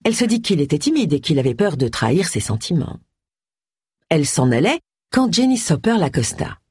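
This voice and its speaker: A woman narrates an audiobook in a wry, lively storytelling voice. Her voice is husky and lowish, moving widely in tone. The recording is dry and close. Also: fairly quick, no room sound. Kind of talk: scripted narration.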